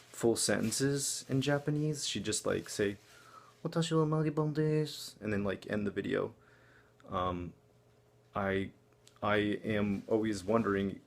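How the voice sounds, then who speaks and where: A man giving a casual vlog update in a conversational, rambling, self-deprecating way, with a creaky low voice. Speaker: vlogger.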